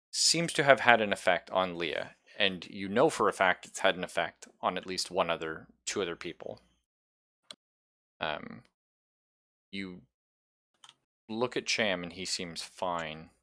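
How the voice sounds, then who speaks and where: Running a horror tabletop roleplaying session, this male game master improvises narration with halting, suspense-building delivery. He has a deep voice and a bright, forceful tone.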